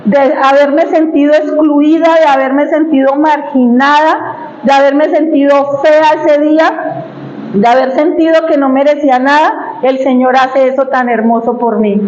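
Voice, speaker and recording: Woman giving a sermon, high voice, tells her own story and keeps asking the crowd stuff, echoey dull church audio. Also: fairly even intonation, measured pace, darkish tone, a little hiss or hum. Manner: emotional, conversational, asks the congregation questions. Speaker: church preacher. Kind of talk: sermon with personal testimony. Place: church hall.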